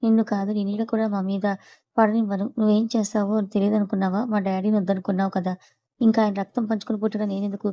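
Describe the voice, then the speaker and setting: A woman's voice: mid-range voice, little pitch movement, very fast, warm tone, lightly acted. A woman voicing an angry young husband who fiercely protects his wife, talking in a harsh, scolding way. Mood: bitter.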